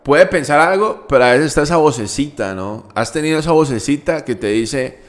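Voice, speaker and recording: A man with a Costa Rican accent hosts a casual podcast interview and asks relaxed, probing questions. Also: a little high, a little fast. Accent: Costa Rican Spanish. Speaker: podcast host.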